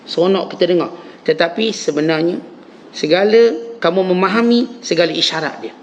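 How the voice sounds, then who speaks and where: A Malaysian man with a Malay accent delivers a mosque lecture as a religious teacher, his voice sitting a touch high and leaping upward on the points he stresses. The recording is muffled and lo-fi, with a faint hiss underneath. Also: moderate pace. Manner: animated preaching, rising emphatic pitch on key phrases.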